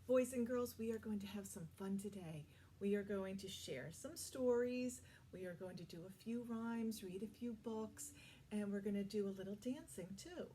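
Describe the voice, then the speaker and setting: A woman's voice: medium pitch, moderate pace, mellow, slight background noise. A woman working as a children's librarian, leading a toddler story time with encouraging, simple phrases, questions and praise for young children.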